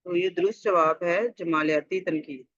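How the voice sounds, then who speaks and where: A tutor with a Pakistani Urdu accent reads out multiple-choice exam questions and gives the answers, talking deliberately, repeating questions and adding conversational fillers. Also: mid-range voice, a bit bright. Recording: dull lo-fi dry recording.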